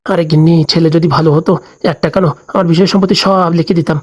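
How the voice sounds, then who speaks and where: A stubborn, stingy middle-aged husband , played by a woman in a comedy skit. He grumbles and wheedles in a lowish voice, at a very fast pace. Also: steady tone, close to an everyday voice. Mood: grumbling. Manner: grumbling, wheedling, rapid talk.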